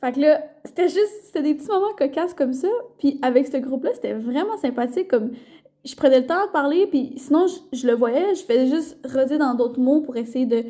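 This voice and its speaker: A woman's voice: high-pitched, warm tone. A young woman from Quebec with a Québécois accent, a student intern chatting casually in a rambling vlog with many fillers and restarts. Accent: Québécois French.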